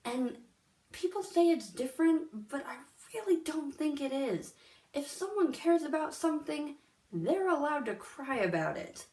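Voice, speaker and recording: Her voice sits high, very animated and a little mellow, as this young vlogger talks to camera at an unhurried pace. She's earnest and chatty with lots of fillers, and the room has an echo.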